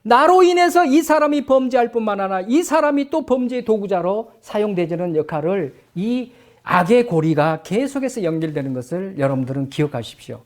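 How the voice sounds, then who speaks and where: A middle-aged male pastor preaching a sermon, animated, acting out quoted voices and then dropping to soft, low tones. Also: brisk.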